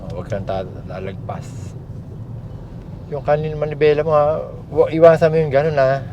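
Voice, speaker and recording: Inside a moving car, a Filipino driving instructor with a slightly high voice coaches at normal speed, giving short commands and tag questions in casual, hands-on instruction. Loud engine and vehicle noise muffles the audio.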